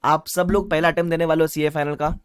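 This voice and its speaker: Mumbai guy teaching a live class, lots of energy, smooth voice, close dry sound. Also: on the high side, quick pace, no echo. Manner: energetic, mixing Hindi and English; reads viewer chat aloud. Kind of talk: live-streamed online lecture.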